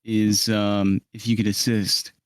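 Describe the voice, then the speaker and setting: A man acting as game master, calmly briefing players with many ums before a live tabletop role-play. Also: on the low side, slow, a crowd in the background. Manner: calm, directive, frequent ums. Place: live stream.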